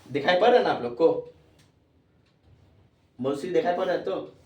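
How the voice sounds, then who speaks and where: A man's voice: a little high, lively intonation, normal speed, highs cut off. A man teaching tax to students, repeating questions to check they follow. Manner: repeats questions to students, calls them "babu". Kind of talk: classroom lecture. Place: classroom. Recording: echoey room, far from mic.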